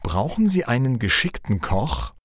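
A man's voice: medium pitch, wildly swooping pitch, measured pace, a bit bright, husky, dry recording, studio quality, exaggerated voice. A man voicing a small, ugly young dwarf who earnestly offers his cooking skill, in a storybook reading.

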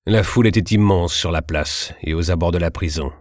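A man narrating a historical story in a measured, steady reading. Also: sits low, no room sound, studio quality.

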